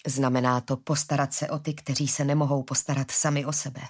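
A woman reading a gentle forgiving father. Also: extremely low pitch, flat delivery. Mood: earnest.

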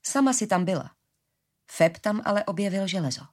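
Woman doing a calm, mysterious assassin. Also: mid-range voice, natural voice. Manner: quiet, unhurried, soothing.

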